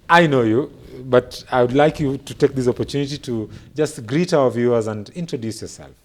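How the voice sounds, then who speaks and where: A man with a Kenyan English accent hosting a studio talk show, measured and searching in his phrasing. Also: medium pitch.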